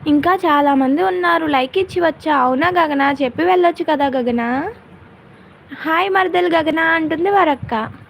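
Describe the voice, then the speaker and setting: A woman's voice: high voice, normal speed, creaky, a little hiss or hum. A woman hosting a casual live stream, chatting with viewers and answering their comments by name.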